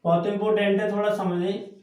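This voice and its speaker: A man's voice: high-pitched, flat delivery, a little fast, darkish tone. A male tutor with a Hindi accent explaining a grammar lesson step by step and checking that his students follow. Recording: echoey room from far off.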